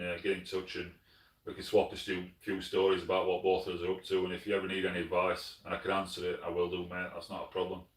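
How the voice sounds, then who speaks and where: Deep-voiced Sheffield man chatting casually. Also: far from the mic. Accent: Sheffield Yorkshire. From Sheffield, England. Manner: relaxed, chatty, full of fillers and restarts. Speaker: host answering live chat. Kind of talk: casual live-stream chat. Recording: roomy, from off the mic.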